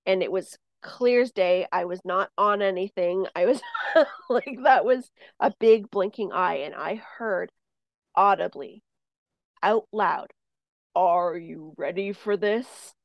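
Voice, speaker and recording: A woman with a gravelly, medium-pitched voice speaks unhurriedly as a medium on a podcast she co-hosts. Casual and rambling, full of fillers and restarts, she passes on spirit messages and tells a personal story, turning lively in the storytelling. The recording is dry and lo-fi.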